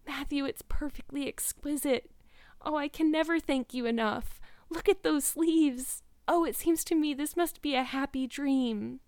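Woman as an excitable high-voiced dreamy young girl. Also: a little slow, no room sound. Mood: awed, grateful. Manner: gushing, exclamatory, wordy.

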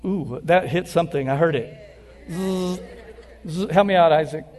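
A man preaching a sermon, an animated storyteller who jokes with his listeners. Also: a little high, normal speed. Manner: animated storyteller, joking with the crowd. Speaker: pastor. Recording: long hall reverb with faint music.

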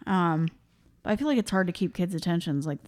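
A woman's voice: lowish voice, a little fast, darkish tone. A young woman co-hosting a podcast, chatting casually about a movie with lots of fillers, laughs and asides. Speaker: podcast co-host. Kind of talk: casual movie-review chat.

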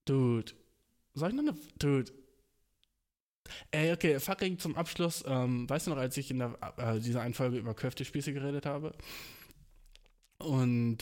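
A young man in casual chat, talking in a loose, slangy way and swearing freely as he rants. He drops English words into his German and mocks what he reads out with animated disbelief. His voice sits at an ordinary middle pitch for a man. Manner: ranting, animated, mocking.

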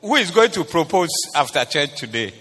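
Animated preacher in a ringing hall. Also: male voice, a little high, normal speed, slight background noise. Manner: animated, teasing, talks straight to the congregation. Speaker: pastor. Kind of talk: sermon. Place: church. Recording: long reverb of a church hall.

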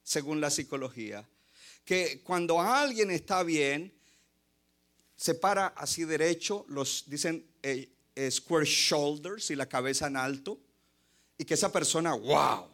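A man delivers a passionate sermon from the pulpit, his voice sitting a little high for a man. He slips English phrases into his preaching. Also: a bit bright. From Colombia. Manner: impassioned, mixes in English phrases. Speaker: pastor.

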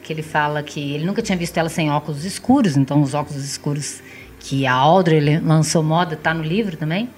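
A woman co-hosts a casual conversation about films, speaking fast in a deep, darkish voice. She muses reflectively, letting thoughts trail off and often closing them with a questioning "né?".

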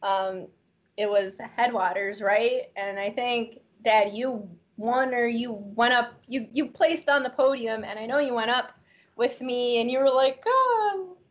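A woman in her twenties, a rally co-driver, chatting in a quick, chatty way. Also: fairly high pitch, fairly even intonation. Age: 20s. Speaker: co-driver guest. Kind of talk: casual storytelling. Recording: dull lo-fi recording.

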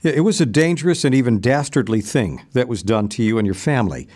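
A man hosting a radio interview, speaking in a measured, halting way with many pauses and restarts. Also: medium pitch, animated, a little mellow. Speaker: radio host.

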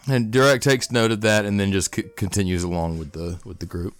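A man playing a tabletop game, describing his character's actions in a halting, thinking-aloud way. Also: lowish voice, smooth, dry recording, faint music behind. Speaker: player.

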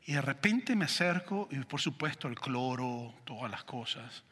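Lively pastor preaching in reverberant church. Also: male voice, medium pitch, moderate pace, slightly rough. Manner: animated storytelling, questions to the congregation. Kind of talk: sermon.

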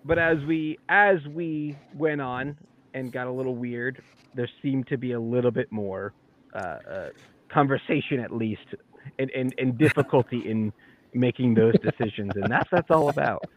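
A man's voice: mid-range voice, moderate pace, muffled recording. A man in casual podcast banter, joking and rambling with restarts.

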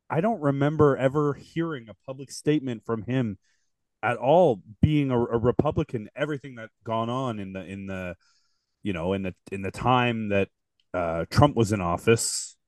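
A man hosting a casual political podcast, speaking haltingly and repeating words as he searches for them. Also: mid-range voice, animated, no room sound. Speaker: podcast host.

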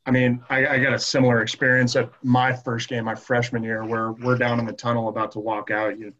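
A man's voice: medium pitch, fairly quick, highs cut off. A young man, a former walk-on player, casually telling stories and acting out what his coaches said. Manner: animated, acts out quotes of coaches. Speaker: podcast host, former walk-on football player. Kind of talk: casual storytelling chat.

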